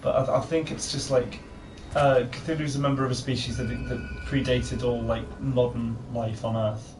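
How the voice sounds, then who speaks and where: A man giving casual let's-play commentary, halting and restarting, repeating his words. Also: mid-range voice, little pitch movement, far from the mic, over music. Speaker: co-host of a gaming video. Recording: roomy, off-mic, faint noise.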